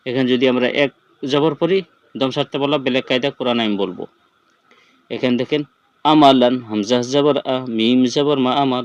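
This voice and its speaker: A man with a Bangladeshi Bengali accent leads a Quran reading lesson, sounding out each letter and its vowel marks before reading the whole word. His pitch sits in a middle range for a man. The recording is dry, with no room echo. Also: muffled recording. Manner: spells out letters and sounds slowly, repeating drills. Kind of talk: step-by-step recitation lesson.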